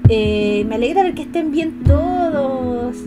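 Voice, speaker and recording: A woman's voice: high-pitched, lively intonation, measured pace. A young Chilean woman chatting playfully and teasingly with her live-stream viewers while she draws at home. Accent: Chilean Spanish. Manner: playful, teasing, easily distracted, giggly. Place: home apartment. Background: video game music playing.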